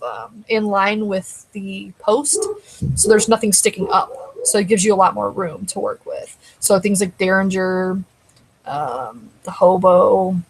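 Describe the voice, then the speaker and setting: Answering viewers' chat comments in a loose, rambling manner, a woman hosts a casual live stream as her throat grows dry. Her mid-range voice has vocal fry and a breathy edge, and the recording quality is low.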